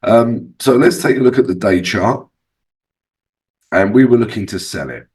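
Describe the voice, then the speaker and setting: Deep voiced guy with a sore swollen throat doing a chatty trading walkthrough, bit far from the mic. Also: animated, normal speed, darkish tone. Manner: conversational, addresses viewers as guys, frequent checking tags like okay and right. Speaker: trading channel host and analyst. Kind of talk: casual trading tutorial commentary over charts.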